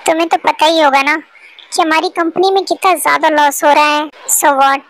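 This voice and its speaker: A woman's voice: high-pitched, steady tone, moderate pace, a bit bright, rough recording. A woman voicing an earnest, concerned young man who looks out for his friend, in an amateur fan dub. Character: worried loyal young man, best friend.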